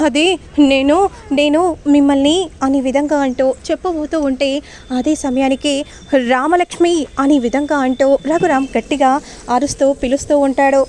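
A woman's voice: high-pitched, a little mellow, slight background noise. A woman narrating a serial episode recap in a dramatic storytelling manner.

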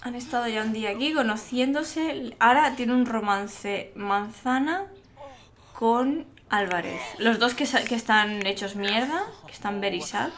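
A woman's voice: a little high, a little slow, a bit bright. A young woman with a Spain Spanish accent commentating a life-sim game live, chatty, exasperated and swearing freely. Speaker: streamer.

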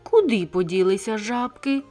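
A woman voicing a gleeful, hungry male stork who teases in a slow sing-song way in a storybook tale. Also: fairly high pitch, animated, a little mellow, faint music behind, close to an everyday voice. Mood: puzzled.

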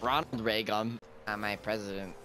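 A man's voice: fairly low pitch, steady tone, normal speed. A young man chatting casually and crudely with friends while gaming, swearing as he jokes. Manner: crude, foul-mouthed banter. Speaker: gamer in a group voice chat. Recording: noisy gaming voice chat.

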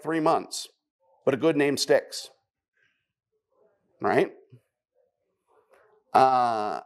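A man giving a live technical conference talk, conversational, with wry asides and quick questions to the audience. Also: medium pitch, a little mellow. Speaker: conference speaker.

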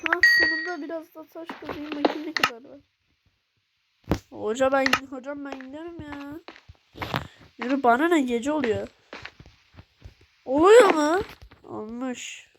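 Stuffy nosed girl yapping thru a let's play, high voice, hyped, loud hiss in the background. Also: normal speed, long pauses. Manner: excitable, chatty, swears playfully. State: stuffy nose. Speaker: gaming channel host. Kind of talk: casual let's play commentary.

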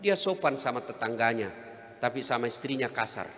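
A man's voice: medium pitch, animated, brisk, fairly bright tone. A man preaching a humorous sermon and bantering directly with the crowd. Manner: bantering, addresses the audience directly. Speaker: Islamic preacher. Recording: reverberant hall.

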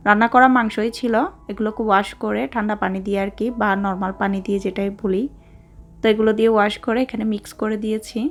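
A chatty woman from Bangladesh talks through her day and a recipe step by step in a relaxed vlog voice. Her voice sits fairly high, with soft background music under it. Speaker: vlogger. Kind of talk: casual vlog narration. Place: mall, indoors.

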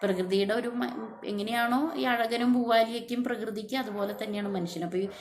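A woman's voice: a little high, brisk, slight background noise. A woman, retelling a textbook story to students in a loose, unscripted way with many fillers and restarts. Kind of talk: casual spoken lesson retelling a story.

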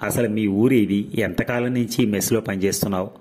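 A man's voice: fairly low pitch, steady tone, fairly quick, slightly rough. A man doing a meek old father. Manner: soft, mild. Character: gentle older retired father, meek and patient.

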